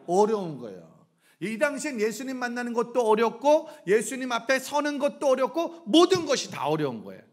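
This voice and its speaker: A middle-aged pastor preaching a revival sermon in a church, firing either-or questions at the congregation and acting out shouts. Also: male voice, extremely high pitch, very animated, brisk. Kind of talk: lively revival sermon with call-and-response questions. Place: church sanctuary.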